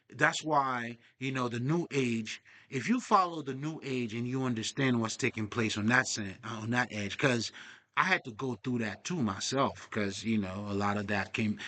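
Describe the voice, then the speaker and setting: Speaking in a bright, pushed mid-range voice, this young spiritual vlogger delivers a loose, rambling monologue. He swears freely, sounds streetwise and keeps wandering off on tangents.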